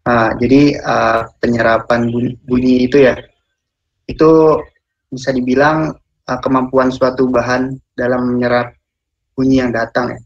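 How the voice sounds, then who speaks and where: A young man giving a relaxed student presentation, filling pauses with "ya" and hesitations. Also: mid-range voice, creaky, highs cut off. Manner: relaxed, many fillers and tag "ya". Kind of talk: casual online presentation.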